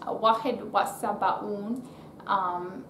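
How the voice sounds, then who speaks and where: A woman giving an informal counting lesson, halting and thinking aloud as she teaches. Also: medium pitch, a bit bright. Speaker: language teacher. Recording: echoey room with faint background noise.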